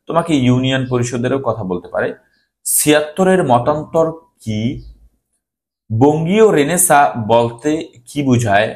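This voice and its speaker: Speaking in a mid-range voice with a Bangladeshi accent, a man teaches an exam-prep lesson, reading questions aloud, giving students instructions and repeating key phrases for emphasis.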